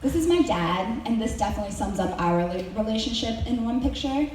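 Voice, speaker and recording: A young adult woman from Mexico gives her senior presentation to her school, hesitant, with many ums and dry joking asides. Her voice is on the high side, expressive, a little fast and a little mellow. It's recorded from far off in a very echoey hall, with slight background noise.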